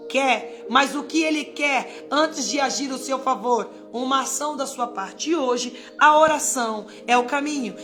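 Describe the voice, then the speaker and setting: A fervent woman preacher, speaking in a high voice. She talks to her listeners directly and acts out prayers to God. Music plays clearly behind her. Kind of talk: live-streamed daily devotional.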